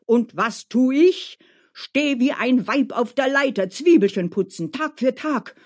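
Narrator playing a big loud coachman guy, brags and shouts, storybook, slow. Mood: indignant. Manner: loud and boastful, rising high in outbursts. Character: boisterous, hot-headed male coachman who sings loudly. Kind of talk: storybook reading.

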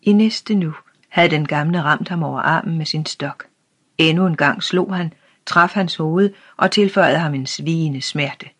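Brief: audiobook narrator, plain and even, unhurried storytelling. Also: medium pitch, slightly rough.

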